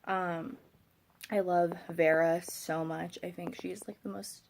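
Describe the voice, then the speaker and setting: A woman's voice: fairly low pitch, fairly even intonation, takes it slowly, creaky, darkish tone, a little hiss or hum. A young woman chatting casually as a vlogger, tired and rambling with hesitations, her speech slightly thick from a swollen tongue. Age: young adult. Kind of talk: casual chat to camera.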